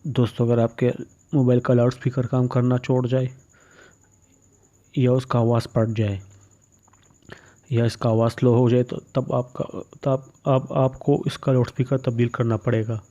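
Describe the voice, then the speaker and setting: Walking through a phone repair step by step, this tutorial presenter speaks plainly at a moderate pace. His medium, mellow voice barely moves in pitch, and the voice-over sounds dull and muffled, like a lo-fi recording.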